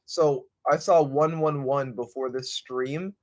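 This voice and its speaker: A man's voice: medium pitch, steady tone, takes it slowly. Informal man rambling on a livestream. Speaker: livestream host. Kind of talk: casual unscripted spiritual livestream chat.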